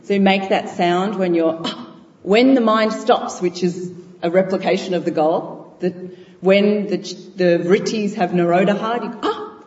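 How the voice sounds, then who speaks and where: A yoga teacher speaks to a class in a studio, unhurried and explaining with frequent laughter. The voice sits in the middle range and comes from far across an echoey room, with a dull, muffled recording and a long reverb tail. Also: medium pitch, darkish tone. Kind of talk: talk to a live class. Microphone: far from the mic.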